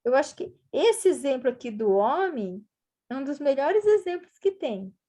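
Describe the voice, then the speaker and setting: A woman's voice: sits high, sing-song, normal speed, warm tone. A woman tutoring one student over a video call, patiently explaining and reading example sentences aloud with varied intonation. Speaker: writing tutor. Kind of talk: online one-on-one lesson.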